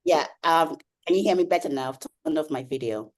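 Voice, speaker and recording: Panel guest, a woman with a very deep voice, speaking over a video call and explaining earnestly. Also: a little fast. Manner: earnest, with frequent um and uh fillers. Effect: heard over a video call. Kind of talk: webinar self-introduction. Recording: remote call audio.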